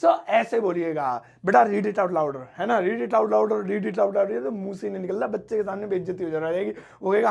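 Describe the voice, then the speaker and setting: A man's voice: sits high, gravelly. A man teaching English phrases in a playful lesson, joking and acting out scolding teachers and children. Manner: jokey, acts out scolding teachers and kids.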